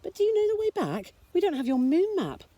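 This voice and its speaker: A woman doing a kind, steady bear. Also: very high voice, brisk, voice pushed up. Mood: reassuring. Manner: calm, reassuring. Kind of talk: storybook read-aloud.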